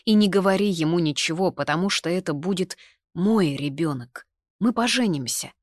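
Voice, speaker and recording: A woman's voice: on the low side, animated, normal speed, no echo, studio quality, voice pushed up, natural voice. A woman reading a stubborn young man. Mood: cheerful. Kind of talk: audiobook reading.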